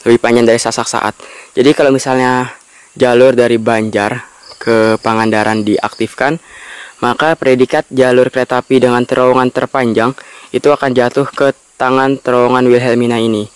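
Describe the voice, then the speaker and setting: A man's voice: medium pitch, fairly even intonation, moderate pace, smooth, no room sound. A man hosts an on-location travel vlog, explaining things and repeating facts for emphasis. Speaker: vlog host. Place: outdoors by a railway tunnel mouth in forested hills.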